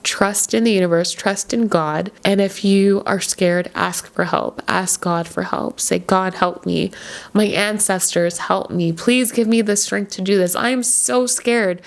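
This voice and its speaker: A young woman vlogger giving a casual, earnest motivational talk straight to her viewers, telling stories with animated energy. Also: mid-range voice, creaky. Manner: earnest, encouraging, animated storytelling. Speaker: spiritual coach and vlogger.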